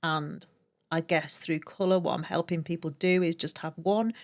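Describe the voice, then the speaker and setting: A woman in her forties with a northern English accent, chatting as a podcast guest in a lively, animated way. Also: on the low side, moderate pace. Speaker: guest, colour therapist. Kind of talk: casual podcast chat.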